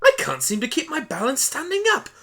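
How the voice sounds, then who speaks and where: Casting: excitable alien pony Doctor for radio play put on by a narrator, high bright voice, frantic self-talk. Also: fairly quick, heavily acted. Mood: curious, puzzled. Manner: frantic, exclamatory, chattering to self. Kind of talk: hobby radio play character acting.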